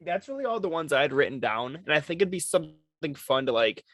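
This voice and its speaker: A man's voice: on the high side, big pitch swings, a little fast, a bit bright, no echo. A man co-hosting a casual podcast, leading the segment in an easygoing, chuckling way. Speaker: podcast co-host. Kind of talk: casual chat.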